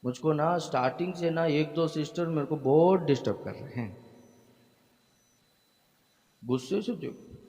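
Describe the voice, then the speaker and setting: A male pastor preaches to his congregation in a church hall, his fairly high, slightly mellow voice carrying a long hall reverb. He speaks a little slowly and pauses often, yet his delivery is emphatic, full of hallelujahs and questions tossed to the listeners.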